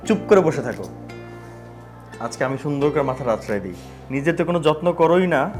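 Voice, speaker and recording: An actor playing a devoted young husband who speaks earnestly and indignantly. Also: male voice, fairly high pitch, expressive, brisk, over music, natural voice. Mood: tender. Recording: roomy echo.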